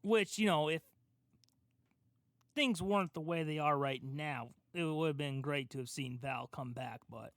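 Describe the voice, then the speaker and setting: In a dry, studio-quality recording, a man with a somewhat high, fairly bright voice co-hosts a casual podcast about comic book films. He speaks unhurriedly, rambling like an enthusiastic fan.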